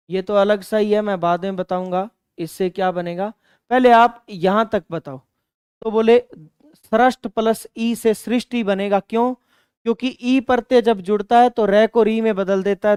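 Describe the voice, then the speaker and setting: Clear-voiced male grammar teacher. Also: sits high, a little mellow, no echo. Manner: asks questions, then answers them himself; repeats and stresses key words. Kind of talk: online exam-prep grammar lesson.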